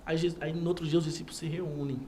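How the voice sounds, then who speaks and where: A man's voice: fairly high pitch, little pitch movement, fast, mellow. A man, a guest on a TV talk show, telling a personal faith story and acting out everyone's lines. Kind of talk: animated personal testimony. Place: TV studio.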